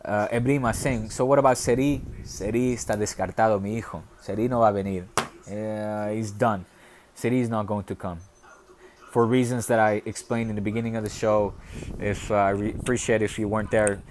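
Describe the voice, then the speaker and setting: A man from the Netherlands hosting a casual football live stream, reading viewer comments aloud and rambling with bursts of excitement. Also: lowish voice, brisk, slight background noise.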